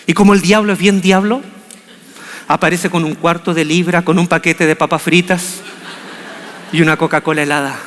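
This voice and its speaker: A man preaching a sermon, telling the story in an animated, humorous way. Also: a little high, moderate pace, pauses often, a little hiss or hum. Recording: long reverb of a large hall.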